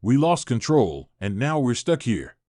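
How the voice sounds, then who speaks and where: A man's voice: medium pitch, sing-song, unhurried, dark tone, dry recording, studio quality. A man voicing an eager woman scientist who talks in a rush and pleads for help. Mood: pleading. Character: excitable woman scientist on a stranded ship.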